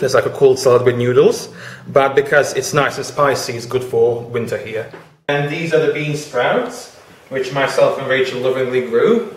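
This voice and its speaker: A man from Bosnia and Herzegovina, a guest cook, explaining a kitchen demonstration step by step. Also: mid-range voice. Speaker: guest cook and orchid judge. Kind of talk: casual demonstration. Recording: roomy, faint noise.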